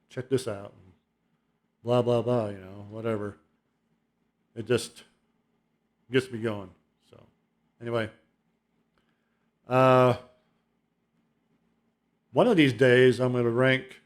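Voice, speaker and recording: A middle-aged man hosting his own album-ranking video, talking in a loose, rambling way with fillers and chuckles. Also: medium pitch. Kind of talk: casual rambling monologue.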